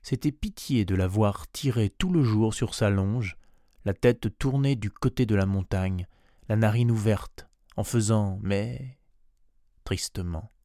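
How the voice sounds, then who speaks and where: A man reads a classic tale aloud, measured and expressive, slowing down on key phrases. His voice sits low, and the recording is dry, with no room sound. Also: dry recording. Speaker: narrator.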